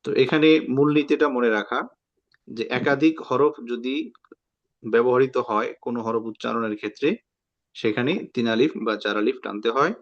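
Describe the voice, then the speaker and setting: Man, patient teacher, repeats sounds aloud, mid-pitched voice, muffled online call audio. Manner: patient, repeats letter sounds for students to copy. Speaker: Quran recitation teacher. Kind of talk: online class instruction.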